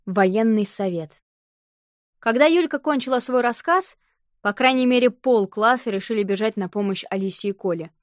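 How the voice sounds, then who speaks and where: A woman narrating a children's novel as an audiobook, reading in a lively, expressive way. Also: a little high, moderate pace, no echo, studio quality.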